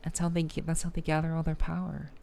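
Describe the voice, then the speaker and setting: A playful, teasing woman streamer chatting casually while gaming, soft-spoken and often dropping toward a whisper. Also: sits low, level tone, fast talker, creaky, slight background noise. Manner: playful, teasing gamer girl. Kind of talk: casual live-stream chat.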